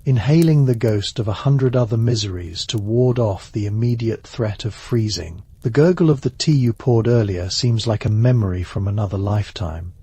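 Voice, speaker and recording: A man telling a second-person history story for sleep in a soft, hushed, measured voice. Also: lowish voice, husky, dry recording. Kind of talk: slow ASMR sleep-story narration.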